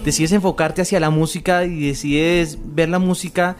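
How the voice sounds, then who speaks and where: A man's voice: fairly high pitch, fairly even intonation, normal speed, faint music behind. A man hosting a radio interview, upbeat and full of enthusiastic interjections. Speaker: radio host.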